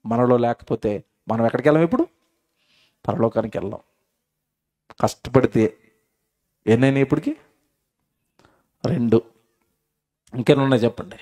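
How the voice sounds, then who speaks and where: A man's voice: mid-range voice, mellow. A male preacher, delivering a sermon to a congregation. He keeps asking the listeners questions and answering them himself, and he repeats phrases for emphasis.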